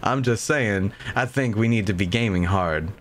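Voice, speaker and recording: A man's voice: fairly low pitch, moderate pace. A young man chatting casually on a livestream, rambling informally as he tells stories. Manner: rambling, informal storytelling with swearing. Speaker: game streamer. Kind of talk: casual livestream chat over gameplay. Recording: game music behind the voice. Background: game music.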